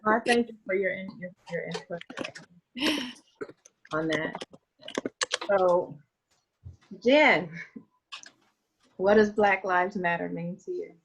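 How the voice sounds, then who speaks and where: A woman hosting a group discussion on a video call, talking warmly and earnestly with hesitant restarts. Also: on the low side, slow pace, pauses often, breathy edge. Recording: muffled video-call audio.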